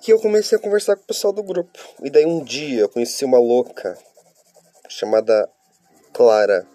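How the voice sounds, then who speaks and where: A man's voice: mid-range voice, warm tone, dry recording. Stuffy-nosed man from southern Brazil. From Curitiba, southern Brazil. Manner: rambling, talks straight to viewers. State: stuffy nose from a cold. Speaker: vlogger. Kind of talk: casual confessional monologue.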